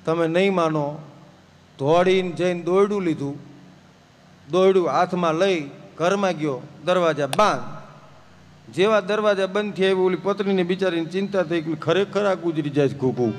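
A man's voice: sits high, normal speed. A man telling humorous folk stories on a live stage, chatty and anecdotal, slipping into folk song. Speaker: folk storyteller and singer. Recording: live stage with long reverb and faint instruments.

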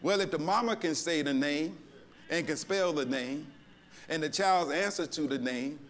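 High, bright pastor preaching. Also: male voice, moderate pace, slight background noise. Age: older. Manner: preaching with a sung, whooping cadence, addressing "y'all". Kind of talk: sermon.

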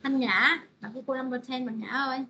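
A woman's voice: sits high, fairly even intonation, a little fast, lo-fi sound, noisy background. A woman teaching an online English pronunciation class, repeating phrases and calling on students by name.

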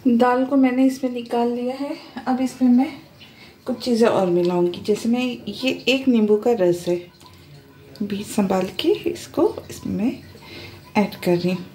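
A woman hosting a home cooking tutorial, calmly explaining each step as she goes. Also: fairly high pitch, unhurried, slight background noise. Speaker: cooking channel host. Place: home kitchen.

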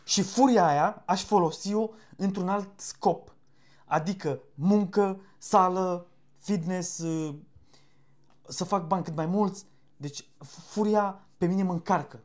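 A man's voice: sits high, darkish tone. A man hosts a casual interview and speaks in a boastful, lecturing tone. He delivers motivational advice as if coaching his listeners. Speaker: host.

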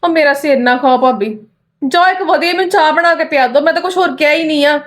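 A woman's voice: high voice, quick pace, a bit bright. A woman playing a demanding, whiny sister-in-law who argues with her brother's wife in a family skit. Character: demanding young married sister-in-law visiting her parents' home.

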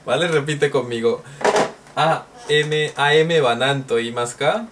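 A man teaching a recorded language lesson, drilling phrases slowly and joking as he goes. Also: on the high side, a bit bright. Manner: slow, repeats drill phrases, jokes and laughs. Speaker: Japanese teacher. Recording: distant mic with faint noise.

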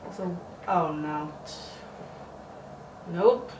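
A woman's voice: on the low side, drawn-out words, roomy sound, recorded from a distance, background noise. A woman giving casual gaming commentary, nervous and jokey and easily spooked. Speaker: gamer.

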